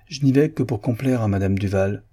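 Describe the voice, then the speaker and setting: A man reading a touchy young woman's lines in a period novel, sharp and indignant. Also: fairly low pitch, brisk, husky.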